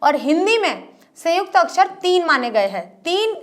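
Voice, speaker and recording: A woman with a high voice gives a lesson to her pupils. She explains patiently, spells out sounds one at a time and keeps asking questions before she answers them herself. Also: sing-song. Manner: explains slowly, repeating letters and asking questions. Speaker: teacher. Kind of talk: online class lesson.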